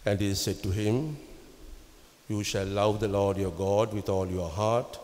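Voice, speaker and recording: A man serving as priest, reading the gospel and preaching in a slow, measured way with occasional fillers, his voice carrying a cathedral echo. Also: lowish voice, darkish tone. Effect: cathedral echo, long church reverb. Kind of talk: liturgical reading and homily. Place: large church. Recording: long reverb in a large church.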